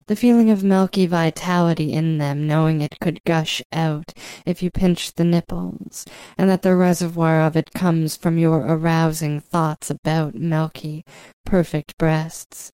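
Slow, intimate, low-pitched woman close to the ear. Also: mellow, smooth, no room sound, rough recording. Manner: coaxing, commanding, teasing. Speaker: hypnosis audio performer. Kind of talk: slow, intimate erotic hypnosis narration.

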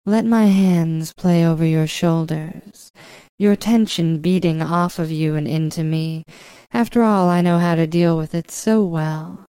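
Adult woman, smooth and mellow, intimate hypnosis narration delivered right in the ear, coaxing yet commanding. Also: on the low side, no echo. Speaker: hypnosis audio performer.

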